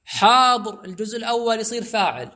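A man teaching a grammar lesson, explaining step by step and repeating examples slowly. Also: sits high, sharp tone.

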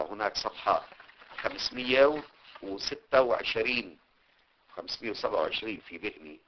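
A man with a Levantine Arabic accent teaching a religious studies class, dictating notes, drawing out key words and checking that his students follow. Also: on the low side. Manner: explains slowly, checks understanding, stretches key words. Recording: dull lo-fi recording.

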